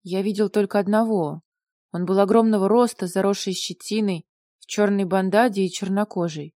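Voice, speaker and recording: A woman's voice: medium pitch, steady tone, normal speed, warm tone, no echo, clean studio sound, natural voice. A woman voicing a distraught young husband in an audiobook, agitated and pleading. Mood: flustered. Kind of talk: audiobook character voice.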